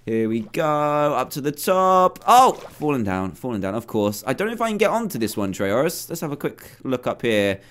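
Excitable gamer, lively pitch. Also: male voice, moderate pace, hardly any pauses. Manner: excitable, animated, jumpy exclamations. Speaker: gaming video host. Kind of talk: playing a video game with live commentary.

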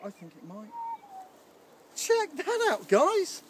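A man in his thirties with a high voice talks slowly and easily to a camera held at arm's length at a lakeside camp. He sounds upbeat and rambling and fills his pauses with ums. A faint outdoor hiss sits behind him. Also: wildly swooping pitch, a bit bright. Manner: chatty, upbeat, with frequent ums. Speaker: outdoor vlogger. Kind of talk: casual chat to camera. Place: outdoors by a lake at a wild camp. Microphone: handheld camera at arm's length.

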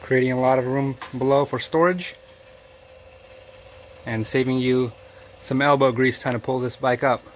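This casual DIY walkthrough comes from a channel host whose medium-pitched voice stays steady at a normal speed, broken by long pauses. He explains his home project plainly, one step at a time, with a filler here and there, and a slight hiss or hum runs under the recording.

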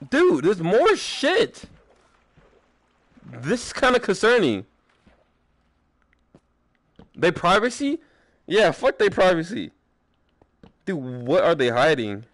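A young man streaming a game with friends, chatting casually, swearing a lot and breaking into excited shouts. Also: sits high, no room sound. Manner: excitable, profane, bursts into shouts. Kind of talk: casual gaming commentary.

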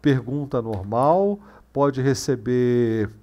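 A man's voice: mid-range voice, takes it slowly, highs cut off. A man teaching a screencast programming lesson, thinking aloud with many fillers and self-corrections. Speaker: course instructor.

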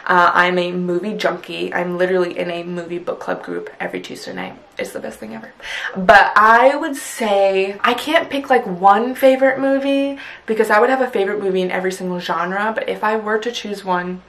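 A woman in her twenties, a vlogger whose first language is Punjabi, chats casually to camera in a small bedroom. She gushes, filling her talk with "like", in a medium-pitched, fairly quick, fairly bright voice.

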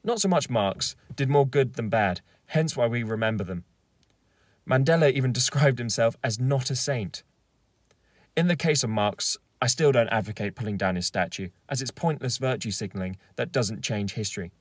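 Seated in a car with a camera close in front of him, a man in his twenties reads scripted political commentary, firm, argumentative and lecturing. His voice sits at medium pitch and normal speed, with studio-quality sound and no echo.

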